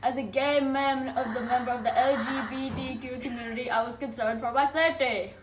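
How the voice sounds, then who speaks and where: A woman's voice: high-pitched, fairly even intonation, brisk. Distant, echoey woman giving interview answers. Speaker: interview guest. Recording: echoey room, off-mic, faint noise.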